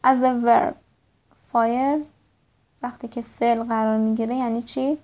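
A woman teaching English vocabulary, reading example sentences slowly and spelling words out letter by letter, then explaining quickly. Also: fairly high pitch, level tone, darkish tone. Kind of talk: vocabulary lesson.

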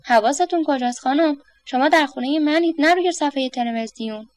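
A woman's voice: high-pitched, no echo, natural voice. A woman voicing a flustered middle-aged man who wants peace at home, sarcastic and exasperated. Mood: indignant.

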